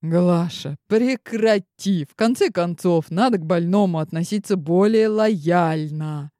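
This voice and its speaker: A man reading an audiobook, voicing a calm, patient young wife with a weary, gentle manner. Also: high-pitched, unhurried, dry recording, studio quality. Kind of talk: audiobook narration.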